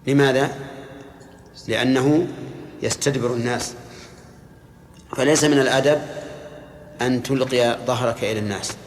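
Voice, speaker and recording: A man, teaching a religious lesson in a measured, explanatory way and quizzing his students. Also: medium pitch, fairly even intonation. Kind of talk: lecture explaining hadith to students. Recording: echoey lecture hall, faint hum.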